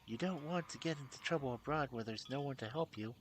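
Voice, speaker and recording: A man's voice: medium pitch, quick pace, slight background noise, pitched above the performer's own voice, natural voice. A man voicing a worried mother who warns her daughter about trouble. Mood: warning.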